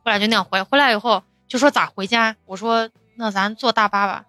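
Brief: young woman, quick and bright, storytelling, dry close sound. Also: on the high side, no room sound, faint music behind. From Xi'an, China. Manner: animated, laughing, quotes others in dialogue. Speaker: storyteller on a podcast panel. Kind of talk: casual chat.

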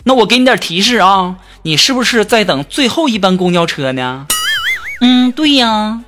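A man's voice: high-pitched, lively intonation, fairly quick. A man telling cheeky comic stories, laughing at his own jokes. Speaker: comic storyteller. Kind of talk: humorous monologue. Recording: music behind the voice.

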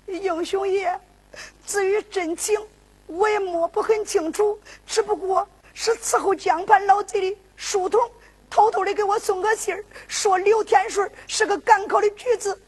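A woman's voice: very high voice, steady tone, unhurried, a little mellow. A woman with a Henan accent voicing a distressed young woman who pleads tearfully for her brother, in a zhuizi storytelling performance. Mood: pleading.

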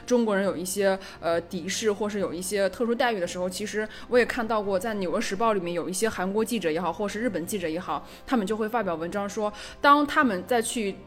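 Quick, chatty woman podcast co-host. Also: mid-range voice, a bit bright, faint music behind. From China. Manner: chatty, reflective, many fillers like "其实". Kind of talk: casual conversational podcast chat.

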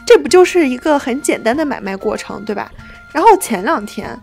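Brief: woman in her twenties, podcast co-host, animated storyteller, fairly high voice. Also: a little fast, soft background music. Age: 20s. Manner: lively storyteller, acts out the people in her stories. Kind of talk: casual chat.

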